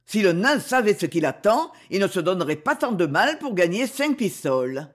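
A man's voice: high-pitched, sing-song, normal speed. A man reading the part of a bored male servant who grumbles, in an audiobook. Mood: grumbling.

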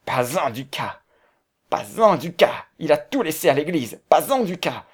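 A man's voice: fairly high pitch, sing-song, unhurried, husky, pitched above the performer's own voice, exaggerated voice. A man voicing a desperate, ruined family father who cries out in anguish.

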